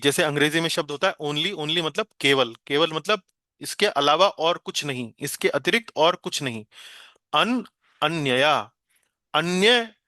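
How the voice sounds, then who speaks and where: A man teaching an online class on a Sanskrit verse, explaining patiently with many hesitations and chanting the words slowly. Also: a little high, bright, forceful tone, dry recording, studio quality.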